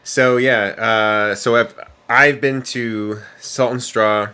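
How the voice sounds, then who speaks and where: A man's voice: medium pitch, fairly even intonation, slow pace, bright, forceful tone, clear, resonant tone. A young adult man co-hosting a podcast in casual chat, rambling with many ums and restarts. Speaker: podcast co-host.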